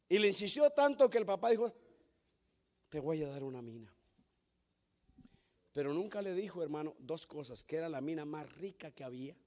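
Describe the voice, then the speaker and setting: Brief: a male pastor, high-pitched, storytelling sermon style with emphatic crescendos. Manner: storytelling preacher, repeats "hermano", builds to loud emphatic peaks. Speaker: founding pastor.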